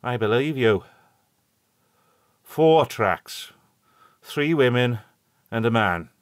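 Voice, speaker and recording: A man's voice: medium pitch, lively intonation, takes it slowly, dry recording, studio quality, voice pushed up. A man voicing a grave, superstitious old shepherd who talks in a broad rustic dialect. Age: older. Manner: broad country dialect, ungrammatical rustic speech.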